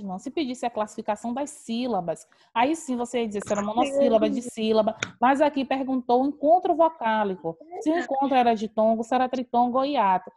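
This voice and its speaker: A woman's voice: fairly high pitch, darkish tone. A woman teacher with a Brazilian accent, patiently explaining grammar in an online class and repeating key terms.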